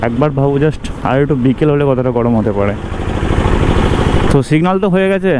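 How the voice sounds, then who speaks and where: A man's voice: medium pitch, animated, fairly quick. A man with a West Bengal accent chatting casually and colloquially to viewers as he rides a motorbike, voice caught inside a helmet. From West Bengal, India. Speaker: motovlogger. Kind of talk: casual riding vlog chat to viewers. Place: outdoors, riding a motorbike in traffic. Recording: outdoor traffic and engine noise. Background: road traffic, vehicles.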